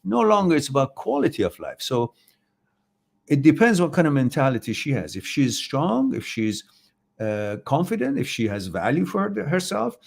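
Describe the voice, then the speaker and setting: A man's voice: a little high, wildly swooping pitch, normal speed, gravelly, darkish tone, husky. Man, live chat host, opinionated, rambling advice, acts out voices. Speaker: host answering viewer questions.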